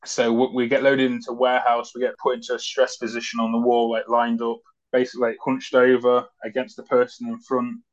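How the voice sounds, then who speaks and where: A man's voice: medium pitch, completely flat delivery, a little fast, few pauses. A man, a former soldier, recounting events as an interview guest in a loose, conversational way with many fillers. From Britain. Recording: dull lo-fi audio.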